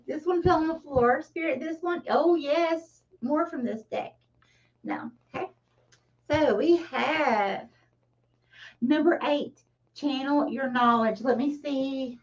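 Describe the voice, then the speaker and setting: A middle-aged woman giving a casual livestream tarot reading, chatty and often laughing at herself. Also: high-pitched. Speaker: tarot reader. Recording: distant, slightly dull mic.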